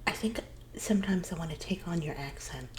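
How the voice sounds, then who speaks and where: A woman speaks softly her way through one side of a casual conversation in an ASMR role-play. Her voice is low and hushed, slipping between soft soft voice and murmur in a rambling, confiding way. Clear background noise sits behind her. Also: lively intonation, fairly quick. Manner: soft-spoken with occasional low murmured words.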